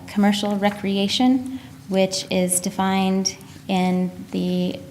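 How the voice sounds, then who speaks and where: A woman's voice: medium pitch, darkish tone, slight background noise. A woman on planning staff reading out a formal report at a public meeting.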